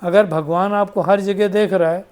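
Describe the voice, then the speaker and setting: The spiritual teacher's high-pitched voice is steady, smooth, and a little mellow, at a normal pace. Through this devotional discourse he explains with patience, cites sayings, and asks rhetorical questions, frequently adding "है ना?".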